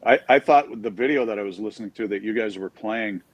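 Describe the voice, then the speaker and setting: A man talking casually and with easygoing bemusement as a remote guest over a video call, his audio glitchy and slowed down by the connection. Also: lowish voice, no room sound. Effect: glitchy slowed-down online call audio. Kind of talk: casual chat.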